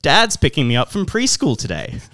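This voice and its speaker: A man's voice: fairly high pitch, wildly swooping pitch, normal speed, a bit bright, pitched above the performer's own voice. A man voicing a smug, bratty little boy card player in a sing-song rhyming recital. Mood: gloating.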